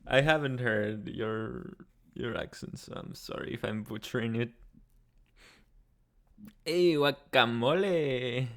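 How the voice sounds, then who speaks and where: A man's voice: mid-range voice, unhurried, creaky, a bit bright. A man hosting a casual livestream, reading chat messages aloud and answering them in a chatty, rambling way with frequent laughs. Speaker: ASMR livestream host.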